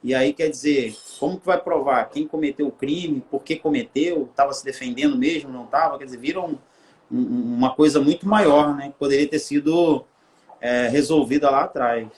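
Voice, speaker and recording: A man's voice: mid-range voice, moderate pace, a little mellow. A man with a Brazilian Portuguese accent, a guest on a live-stream interview, speaking earnestly and building his points through repeated phrases.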